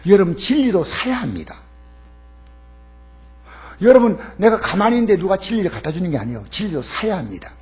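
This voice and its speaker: A male pastor preaching a Sunday sermon in a church, animated and acting out the voices of family members. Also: high-pitched, fairly quick, long pauses. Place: church sanctuary. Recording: mains hum under the voice.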